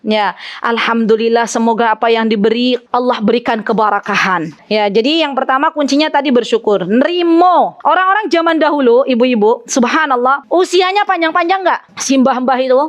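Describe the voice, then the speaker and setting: A middle-aged woman with a Javanese accent, giving an animated, teasing sermon to women and mixing in Javanese words. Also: on the high side, moderate pace. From Central Java. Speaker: Islamic preacher.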